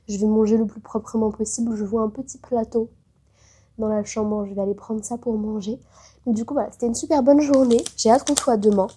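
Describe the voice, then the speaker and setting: Fairly high-pitched yet dark-toned, with a breathy edge, this late-teens woman has a head cold as she vlogs about travel to camera. She's chatty and a little rambling, often restarting and using fillers.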